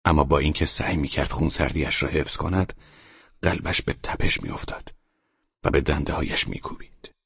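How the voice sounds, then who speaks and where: A man narrating an audiobook in a quiet, measured way, sometimes dropping close to a whisper. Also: rumbling low, steady tone, vocal fry, husky, no echo. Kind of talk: scripted narration. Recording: dry, dull lo-fi studio recording.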